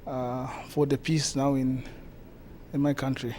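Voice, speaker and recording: A man from South Sudan with a South Sudanese accent, answering interview questions haltingly with many pauses. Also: medium pitch, little pitch movement, dark tone, a little hiss or hum. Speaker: guest, community association president.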